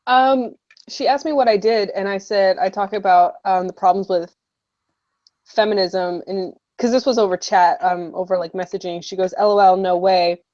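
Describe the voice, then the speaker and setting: A teenage girl chatting on a livestream, telling family stories with a giggle. Her pitch is ordinary for a young woman. The sound is dry and muffled, like call audio. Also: normal speed, darkish tone, no echo. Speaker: stream guest. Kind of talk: casual chat.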